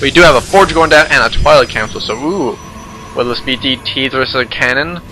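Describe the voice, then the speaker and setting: A man's voice: medium pitch, fairly quick, bright, forceful tone, faint music behind, rough recording. A young man casually commentating a strategy game replay, joking and sarcastic.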